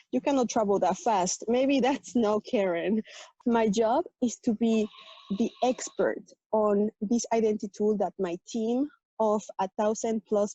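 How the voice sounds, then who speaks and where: A woman's voice: mid-range voice, mellow, no echo, muffled recording. A woman from Mexico, a native Spanish speaker with a Mexican Spanish accent, earnestly introducing herself and her tech work on a panel. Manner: earnest, explanatory, with "um" pauses. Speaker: tech panelist, program manager.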